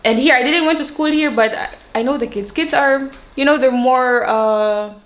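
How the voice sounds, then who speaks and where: A woman's voice: sits high, moderate pace. A young woman with a Filipino accent, chatting casually and rambling, laughing often. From Philippines. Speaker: vlogger. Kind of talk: casual chat. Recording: echoey room, faint noise.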